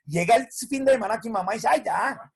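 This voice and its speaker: Male pastor, high voice, husky, gravelly, theatrical sermon. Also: fast talker. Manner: animated, theatrical storytelling. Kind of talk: preached sermon.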